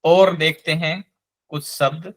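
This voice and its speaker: A man teaching a live online language class, slowly and patiently spelling out each sound. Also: a little high, steady tone.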